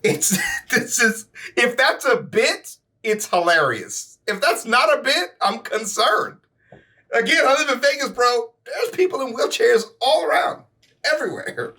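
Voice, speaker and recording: An American man giving casual, slangy reaction commentary with an animated, exclamatory delivery. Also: very high voice, measured pace. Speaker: reaction video host.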